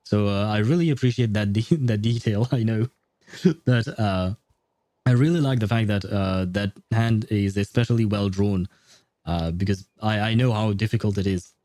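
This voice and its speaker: With a lowish, mellow voice at a moderate pace and a dry recording, a man chats with livestream viewers over gameplay. He's not a native English speaker and comes across polite, hesitant, and rambling, with faint game music underneath.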